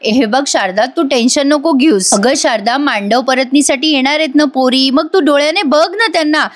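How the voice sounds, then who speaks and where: A woman voicing a calm middle-aged husband from a TV serial, speaking gently and reassuringly. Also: high-pitched, moderate pace, close to an everyday voice. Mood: soothing.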